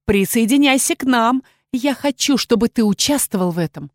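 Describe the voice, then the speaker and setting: A shrill, cruel dragon queen, as a woman reading an audiobook puts her on, her voice pitched high and climbing into shrieks as she barks orders. She gloats and threatens in a loud, forceful delivery. The reading is close and dry, with no room around it. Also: animated, normal speed, no echo, close to an everyday voice. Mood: commanding.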